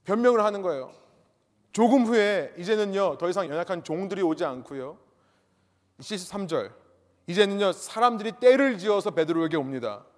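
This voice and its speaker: In a church hall with long, ringing reverb, a male pastor with a strikingly high voice preaches, pressing hard on key points and repeating them. He speaks fairly quickly with lively intonation and asks the congregation rhetorical questions.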